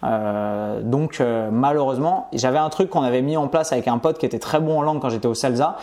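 A man telling stories in a casual conversation, slangy and animated, often adding "tu vois". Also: medium pitch, brisk.

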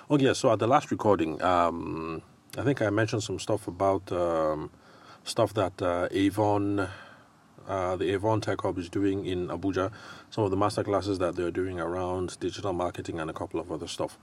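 A man with a Nigerian accent hosting a solo podcast in a casual, explanatory way, often pausing hesitantly as he thinks aloud. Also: deep voice. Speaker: podcast host.

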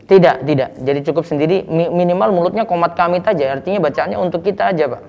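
A man's voice: on the high side, fast talker, gravelly, darkish tone, long reverb tail, highs cut off. A man, a religious teacher, answering questions casually and explaining with everyday examples. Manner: explains with everyday examples, keeps addressing the asker.

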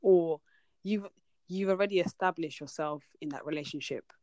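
A woman's voice: on the low side, normal speed, a little mellow, no echo. A young woman hosting a casual podcast chat. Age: young adult. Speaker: podcast host.

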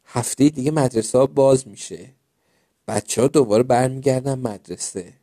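A school principal in a children's story, giving plain instructions, as a male narrator voices him. The tone is mellow and warm, recorded dry and close. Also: medium pitch, no echo, lightly acted. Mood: instructing.

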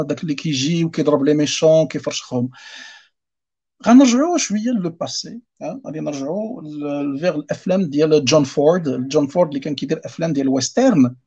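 A man with a Moroccan accent giving an informal lecture in an animated way, often switching between Arabic and French. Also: a little high, muffled recording. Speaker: guest speaker giving a talk on film history.

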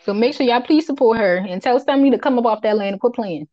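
A woman's voice: on the high side, fast talker, warm tone, no room sound, lo-fi sound. A woman with a Charleston Gullah Geechee accent chats casually as a podcast co-host, emphatic, colloquial and unfiltered, often repeating herself for weight. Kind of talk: casual opinionated chat.

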